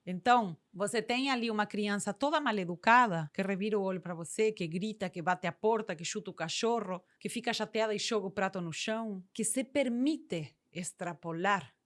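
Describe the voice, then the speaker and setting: A woman's voice: mid-range voice, moderate pace, few pauses. A woman gives a firm parenting lesson straight to the camera. She lectures emphatically and uses rhetorical questions. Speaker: parenting educator.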